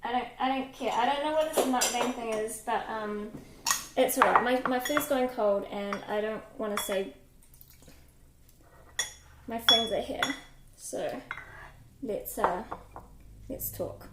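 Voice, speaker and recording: A woman's voice: a little high, unhurried, long pauses, reverberant, very noisy. A woman live-streaming from her home kitchen, chatting casually and greeting viewers by name.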